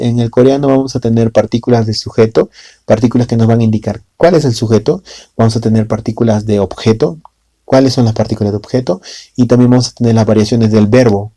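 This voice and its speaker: A man's voice: medium pitch, dark tone, dry recording, clean studio sound. A man teaching a language lesson in a casual way in Spanish with a Latin American accent, often adding tag questions and fillers.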